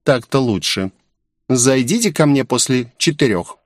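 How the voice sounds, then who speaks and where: A man's voice: mid-range voice, expressive, measured pace, no room sound, studio quality, voice pushed up. Man voicing a cold, stern young princess. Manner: curt, commanding.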